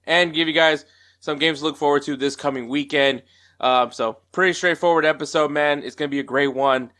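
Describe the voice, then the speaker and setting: Slightly high and a little fast, the voice of this sports podcast host stays steady in tone while sounding bright and forceful. He runs a casual intro and interview in an upbeat, chatty manner, full of fillers and restarts.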